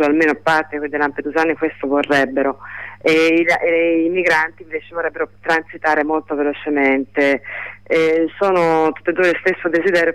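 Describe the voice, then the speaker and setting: A woman giving a live report by telephone, talking in a halting way with many fillers and restarts. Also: low-pitched, clear, resonant tone, no room sound, low-quality recording. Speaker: phone-in reporter.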